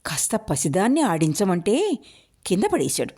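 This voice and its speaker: A woman's voice: mid-range voice, very animated, normal speed, mellow, breathy edge. Woman doing a snapping, scolding stepmother. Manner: complaining, snapping. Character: sharp-tongued scolding stepmother, young woman.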